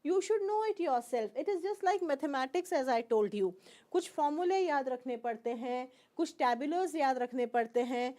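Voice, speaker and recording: A woman's voice: high voice, lively intonation, takes it slowly, warm tone. A middle-aged woman with an Indian English accent teaching pronunciation, mixing Hindi and English, patiently repeating words and checking that students follow. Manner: explains patiently, repeats each word and asks "fine?".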